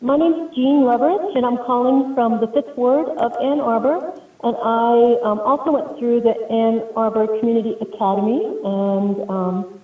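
A woman calling in by phone to give public comment at a city meeting, talking earnestly and upbeat with frequent pauses. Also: fairly high pitch. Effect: phone-in caller heard over a phone line. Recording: tinny phone line, echoey and distant.

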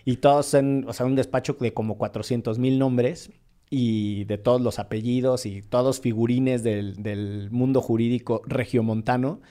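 A man's voice: mid-range voice, normal speed. Mexican man chatting casually. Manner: relaxed, joking, colloquial. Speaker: podcast co-host. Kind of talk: casual chat.

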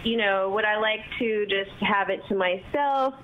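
A woman's voice: mid-range voice, a little slow. A woman on a phone call to a radio show, chatting candidly and telling her story. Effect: heard over the phone. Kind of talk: casual chat. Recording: muffled phone line with faint hiss.

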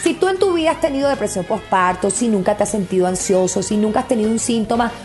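A woman's voice: medium pitch, expressive, fast talker, a little mellow, soft background music. A woman in her thirties hosting a podcast, telling a personal story in a candid, emotional way. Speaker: podcast host.

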